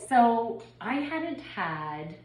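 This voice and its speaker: A woman in her forties, a spiritual reader and yoga teacher, talks in a casual channeling vlog, rambling personally with many ums and restarts. Her voice is on the high side with big pitch swings and drawn-out words, a bit congested from a head cold. The room is echoey with faint background noise.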